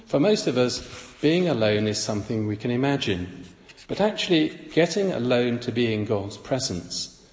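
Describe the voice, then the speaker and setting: A man giving a devotional Bible reflection in a measured, reflective way, recorded with an echoey hall reverb. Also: medium pitch, darkish tone. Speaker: preacher.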